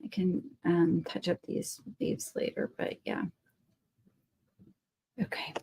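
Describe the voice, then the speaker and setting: Working on a craft during her live stream, this Texan woman chats and rambles warmly, replying to comments from viewers. She speaks slowly in a fairly low, mellow voice with vocal fry and fairly even intonation, with slight background noise.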